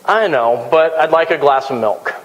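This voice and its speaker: A man doing a stubborn deadpan duck. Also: fairly high pitch, moderate pace, dull audio, lightly acted. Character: persistent deadpan male duck. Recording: long hall reverb.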